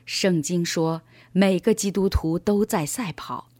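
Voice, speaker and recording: A woman voicing a gentle, patient father explaining things to his son in a children's story. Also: fairly low pitch, unhurried, dry recording. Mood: calm.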